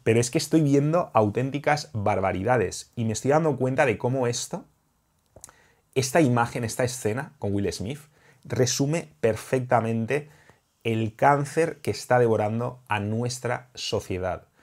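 A man's voice: mid-range voice, unhurried, a little mellow. Heated man with a Spain Spanish accent. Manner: emphatic, heated, repetitive. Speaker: dating coach. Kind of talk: vlog monologue to the viewer.

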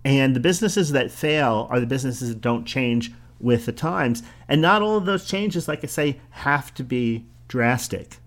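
A man's voice: medium pitch, expressive, normal speed, hardly any pauses, fairly bright tone. Chatty New Jersey man hosting a podcast. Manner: conversational, self-correcting, rambling asides. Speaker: podcast host. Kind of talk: solo podcast talk.

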